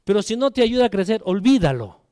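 A man's voice: high voice, sing-song, fast, a little mellow, no echo, clean studio sound. An older man, a pastor, preaching a sermon in a conversational way, asking rhetorical questions and acting out quotes.

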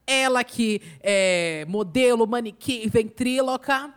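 A podcast co-host chatting casually in a campy drag-queen manner, theatrical and full of drawn-out slang. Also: medium pitch, smooth. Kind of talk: casual chat.

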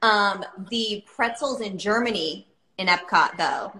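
Woman in her thirties, podcast host, bright tense voice, echoey room. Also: mid-range voice, unhurried. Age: 30s. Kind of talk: casual chat.

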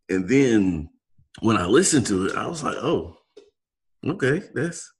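A podcast interviewer with a low, husky voice chats casually with a guest. He rambles and searches for words, using lots of fillers.

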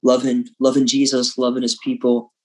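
A man's voice: mid-range voice, monotone, moderate pace, rough recording. A man with a congested, stuffy voice from allergies, chatting casually on a podcast in an easygoing, rambling way. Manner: easygoing, rambling, many fillers. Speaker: podcast co-host, church worship member.

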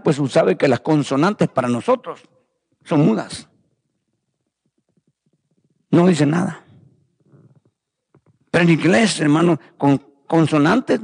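A man's voice: high-pitched, creaky, slightly rough, long reverb tail. A man preaching a fervent sermon, repeating phrases and calling his listeners brothers. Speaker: pastor.

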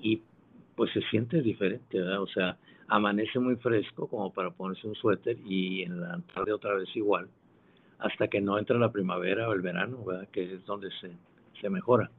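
A man in his seventies with a Mexican accent, a retired broadcaster answering interview questions in a measured, unhurried, modest way. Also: lowish voice, fairly even intonation. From Monterrey, Mexico. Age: 70s. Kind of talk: phone interview. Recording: tinny phone line.

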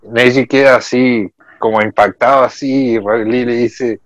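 Soft-spoken young man, dry sound. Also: mid-range voice, steady tone, moderate pace, no echo. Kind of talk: casual chat.

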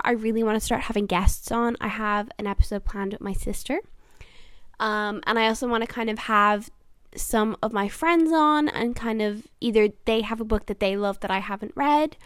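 A woman's voice: a little high, no echo, studio quality. A woman in her twenties hosting a casual solo podcast, chatty and earnest, with lots of fillers and restarts. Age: 20s. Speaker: podcast host.

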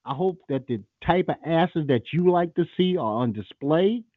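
A man's voice: on the high side, lively intonation, normal speed, no echo, narrow, tinny audio. A man hosting a call-in show, talking in a blunt, profane and opinionated way. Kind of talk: casual call-in radio talk.

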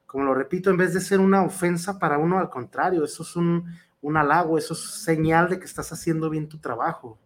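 A man's voice: on the high side, fairly even intonation, brisk. A man with a Mexican accent, a professional wrestler answering interview questions in an earnest, rambling way full of fillers and restarts.

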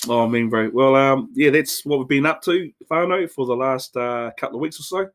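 A man's voice: mid-range voice, fairly quick. A man with a Māori New Zealand accent co-hosts a podcast, chatting casually in a laid-back, slangy, matey way. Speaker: podcast co-host. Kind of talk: casual chat.

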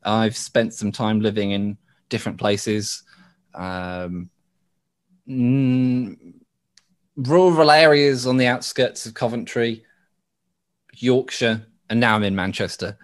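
English man, guest on a talk podcast, halting and searching as he explains. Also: fairly low pitch. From West Midlands, England. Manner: halting, with frequent restarts and laughs. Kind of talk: thoughtful conversational interview.

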